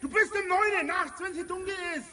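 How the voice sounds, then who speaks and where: A man from Germany shouting and cursing at visitors outside his own property in a heated argument. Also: very high-pitched, fairly quick. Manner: shouting, swearing, aggressive. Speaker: homeowner confronting visitors. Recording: crowd of voices behind.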